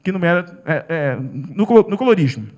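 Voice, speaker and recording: Animated Brazilian man telling a story. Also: fairly high pitch, a little fast. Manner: emotional, animated storytelling with acted-out dialogue. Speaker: public defender panelist. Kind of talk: personal storytelling at a seminar panel.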